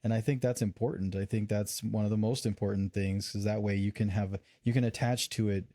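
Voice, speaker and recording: Man, low voice, mellow tone, dry close sound, earnest podcast chat. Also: fairly even intonation, fairly quick, dry recording. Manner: earnest, many restarts. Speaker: paranormal investigator.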